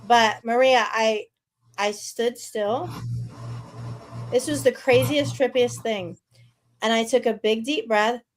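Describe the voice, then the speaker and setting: A woman's voice: a little high, fairly even intonation, slow pace, long pauses, faint music behind, rough recording. A woman in her fifties telling her own story with candor and animation in a casual interview. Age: 50s.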